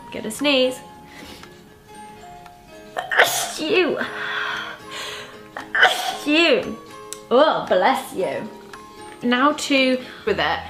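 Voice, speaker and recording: A young woman in her twenties chatting casually in a home vlog, sneezing often and saying bless you. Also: sits high. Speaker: vlogger. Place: home indoors. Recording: echoey room.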